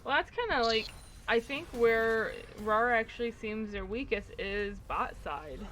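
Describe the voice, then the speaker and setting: A woman's voice: fairly high pitch, lively intonation, a little slow, fairly bright tone, slight background noise. A woman co-casting a video game match, chiming in with playful, short remarks. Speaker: esports co-caster. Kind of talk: casual color commentary.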